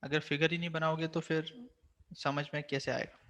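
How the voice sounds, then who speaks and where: A man's voice: a little high, little pitch movement, moderate pace, a bit bright. A man with an Indian accent teaching a maths class online, mixing Hindi and English, firm but reassuring with his students.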